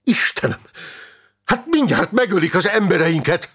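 A man's voice: lowish voice, wildly swooping pitch, gravelly, sharp tone, slightly rough, exaggerated voice. A man voicing a brave, battle-hardened medieval knight who gives urgent commands in an audiobook. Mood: alarmed.

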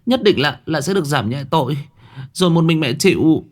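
An anxious older mother pleads with her daughter, as a man puts her on. She stammers and rises in pitch in this audio ghost story. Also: animated, a little fast. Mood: pleading.

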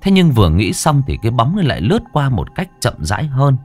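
A man's voice: mid-range voice, huge pitch swings, a little fast, darkish tone, faint music behind. A man reading a ghost story aloud with dramatic, suspenseful delivery. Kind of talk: scripted ghost story narration.

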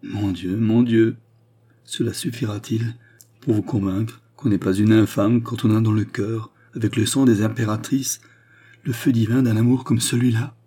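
A man's voice: lowish voice, steady tone, moderate pace, mellow, husky. A man voicing a proud, wounded queen in an audiobook, speaking with impassioned, bitter pleading. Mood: passionate.

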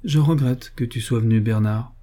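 A man voicing a resolute young French sergeant, speaking curt and decisive, with a dark, husky voice. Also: medium pitch, moderate pace, natural voice.

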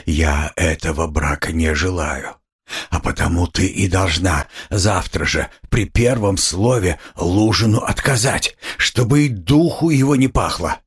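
A man's voice: on the low side, animated, husky, pitched above the performer's own voice, heavily acted. A man reading an audiobook, voicing an exhausted, irritable young man who speaks in strained outbursts. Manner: strained, halting, forceful outbursts.

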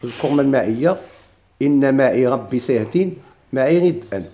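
A man with a Moroccan Arabic accent, teaching Quranic readings in a classroom lesson and chanting verses slowly. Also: mid-range voice, animated, mellow. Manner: explains in dialect, chants quoted verses slowly.

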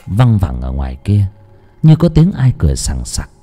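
A man's voice: low-pitched, wildly swooping pitch, moderate pace, mellow, soft background music. A man narrating a horror audiobook in a suspenseful, dramatic way.

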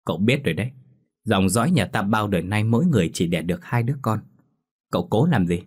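A man's voice: lowish voice, lively intonation, fast talker, husky. A man voicing a stern older village woman who scolds in a matter-of-fact way.

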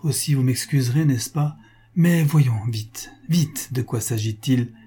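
A man reading aloud, voicing a warm, affectionate young wife with a gushing, lively manner. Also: medium pitch, measured pace, husky. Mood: eager.

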